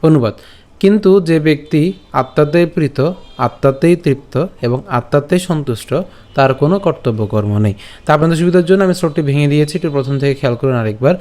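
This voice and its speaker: Man teaching slow verse chanting. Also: on the high side, animated, a little mellow. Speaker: Gita recitation teacher. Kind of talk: step-by-step pronunciation lesson.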